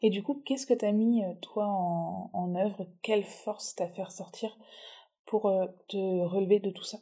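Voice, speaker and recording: A woman's voice: mid-range voice, moderate pace, mellow, husky. A woman hosting an interview podcast, talking thoughtfully and reassuringly. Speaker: podcast host. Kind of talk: reflective interview conversation.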